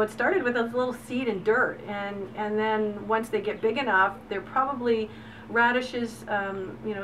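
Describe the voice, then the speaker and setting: A woman's voice: mid-range voice, fairly bright tone. A middle-aged woman who owns a farm, telling the story of her farm in a chatty, enthusiastic interview with lots of fillers. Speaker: farm owner. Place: outdoors on a farm. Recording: distant mic with background noise.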